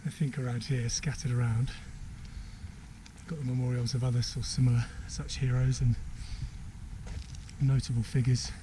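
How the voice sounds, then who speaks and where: A man's voice: mid-range voice, level tone, moderate pace, pauses often. A man narrating his mountain trek in a casual, upbeat vlog, thinking aloud as he walks. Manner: chatty, upbeat, thinks aloud while hiking. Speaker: trekker filming his trek. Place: outdoors on a high mountain trail. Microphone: handheld camera. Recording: outdoor camera mic with clear wind and ambient noise. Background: mountain ambience, helicopters.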